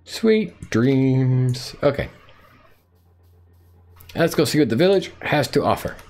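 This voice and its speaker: A man's voice: medium pitch, animated, slow, a little mellow. A man streaming a survival game live, chatting playfully to himself and to the animals on screen. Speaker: gaming streamer. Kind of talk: live gameplay commentary.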